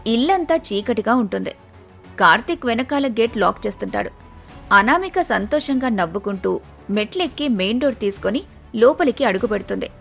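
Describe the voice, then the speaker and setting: A woman narrating an animated family drama in a scripted, suspenseful style. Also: a little high, vocal fry.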